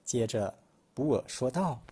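A man from Malaysia reading a picture book aloud for children, expressive and clear in his storytelling. His voice is middle in pitch with a husky texture. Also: measured pace.

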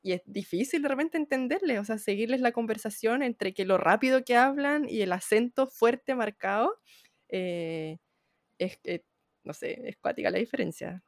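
A woman with a Chilean Spanish accent chats casually, emphatic and full of slang. Her voice is mid-pitched and sounds dry, with no room echo around it. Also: lively intonation, normal speed. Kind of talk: casual panel chat.

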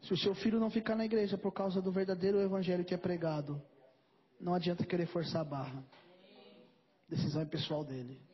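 A man's voice: on the high side, highs cut off. A man preaching a sermon as pastor, telling a story and acting out its dialogue.

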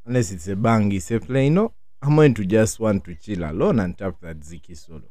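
A man's voice: lowish voice, fairly quick, dark tone, no echo, clean studio sound. A young man in a casual chat, giving his opinions in dense urban slang.

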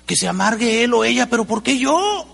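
A man speaks in a high, gravelly voice with a bright, forceful edge. He gives an animated motivational seminar, acting out dialogues with humor. The sound carries a long reverb from a hall. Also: brisk. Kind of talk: live seminar talk.

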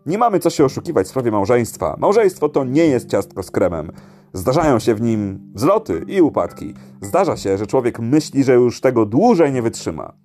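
A man voicing a brash, cheerful male late-night radio DJ with booming, preachy, folksy patter. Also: big pitch swings, moderate pace, dark tone, faint music behind, natural voice.

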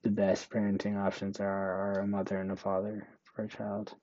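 A young man hosting a solo podcast, thinking aloud slowly in a monotone way. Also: on the low side, lo-fi sound. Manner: slow, monotone, musing. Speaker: podcast host.

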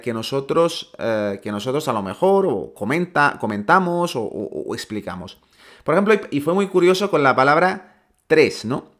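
A man's voice: fairly high pitch, fairly bright tone. Man from teaching casually. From Ceuta. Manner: conversational, many fillers and restarts, asks "¿no?". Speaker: Darija teacher. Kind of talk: casual explanatory lesson.

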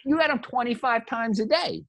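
With an extremely high, gravelly, fairly bright voice, a man co-hosts a casual writing podcast at a moderate pace, speaking expressively. He rambles emphatically and acts out imagined thoughts, riffing motivationally to encourage the listener, in a clean recording with no room sound.

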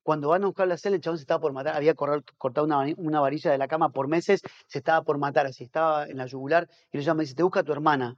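A man, a pastor and missionary, talks as a guest in a relaxed interview. He races through his stories in a somewhat high voice, tripping over restarts and repeating words as he goes. The recording sounds dull and muffled. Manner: rapid, animated storytelling with many restarts and repeated words. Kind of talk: casual storytelling interview.

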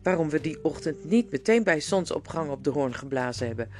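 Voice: mid-range voice, expressive, a little fast, natural voice. A reader voicing a weary young king who defends himself, with guitar music underneath. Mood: defensive. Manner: defensive, explaining. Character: young king, weary after hard fighting.

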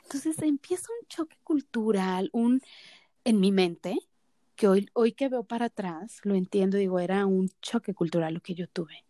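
A woman's voice: mid-range voice, moderate pace, warm tone, no room sound, studio quality. A woman in her thirties co-hosting a podcast, telling her story in casual chat and acting out the quoted dialogue with animation. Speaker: podcast co-host.

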